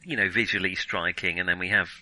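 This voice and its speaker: A man co-hosting a film discussion podcast chats casually about films, talking hesitantly and often circling back to rephrase himself. His low voice is steady in tone, fast, pushed and bright. The recording is rough with no room sound.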